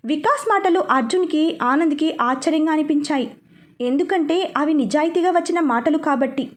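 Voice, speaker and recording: High-voiced woman storyteller. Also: normal speed. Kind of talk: scripted narration of a serialized novel.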